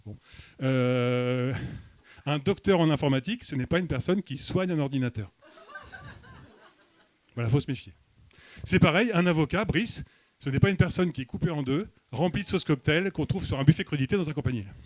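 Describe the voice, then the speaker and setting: A man with a French accent performing a stand-up comedy set on a comedy club stage, delivering his jokes with deadpan, mock-serious hesitation. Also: on the high side, normal speed, pauses often, no room sound.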